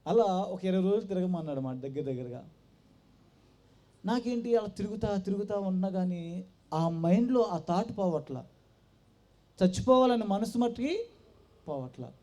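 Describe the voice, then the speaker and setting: A man giving his personal testimony at a church gathering, telling his story with animated storytelling and acting out the voices of the people in it. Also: high voice, moderate pace, long pauses. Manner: animated storytelling that acts out quoted dialogue. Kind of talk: personal testimony told to a congregation.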